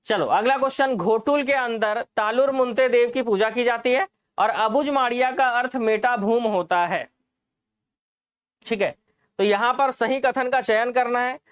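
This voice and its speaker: A man's voice: very high voice, clean tone, no room sound. A man teaching an exam-prep lesson, explaining answers, repeating key points and asking the class rhetorical questions.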